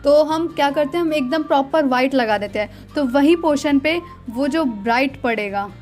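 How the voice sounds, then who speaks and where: A high-pitched woman narrates a drawing lesson. She guides the viewer step by step, often pausing to point things out. Soft music plays faintly behind her voice. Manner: explains step by step with repeated "dekhiye" and "theek hai". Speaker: art teacher.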